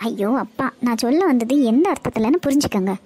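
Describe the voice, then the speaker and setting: A young cartoon woman talks warmly to her father and her little niece, voiced by a woman. The voice sits high but mellow. The recording is dry. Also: fast, breathy edge. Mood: gentle. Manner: warm, reassuring, plain speech. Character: young woman, cheerful aunt, dutiful daughter.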